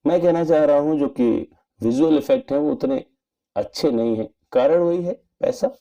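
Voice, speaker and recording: A man giving an earnest, measured spoken movie review in formal wording. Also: fairly high pitch, sing-song, creaky, dark tone, muffled recording. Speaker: film reviewer.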